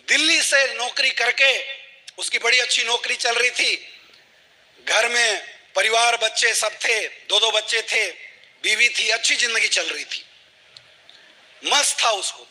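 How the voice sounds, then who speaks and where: A man's voice: very high-pitched, takes it slowly, long pauses, pushed and bright, in a large hall. A man giving a motivational talk to a live audience, telling a story and asking the audience rhetorical questions. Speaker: motivational speaker.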